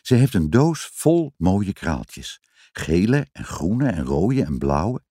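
A man reading a children's story aloud in an expressive, sing-song storytelling manner. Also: sits low, slow pace, slightly rough, no room sound, clean studio sound. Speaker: narrator.

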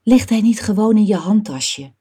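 A woman voicing a calm father offering help in a storybook reading. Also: mid-range voice, normal speed, husky, pitched above the performer's own voice. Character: calm, soft-spoken father.

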